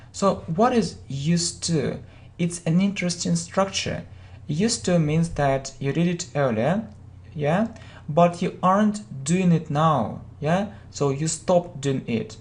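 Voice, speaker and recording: An English teacher giving a spoken vocabulary and grammar lesson, reading model sentences and then explaining them, often checking in with "yeah?" and "okay?". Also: mid-range voice.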